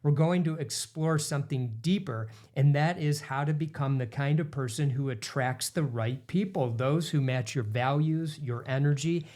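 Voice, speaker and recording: A man's voice: a little high, moderate pace, hardly any pauses, darkish tone. Earnest male podcast co-host. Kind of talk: scripted podcast introduction.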